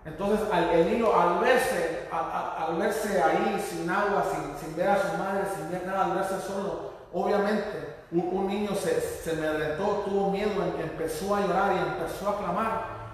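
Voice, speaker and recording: A high-voiced man preaches a sermon, stumbling and repeating words as he tells the story with feeling. His voice booms around a large echoing church hall. He stands far from the mic. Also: steady tone, measured pace.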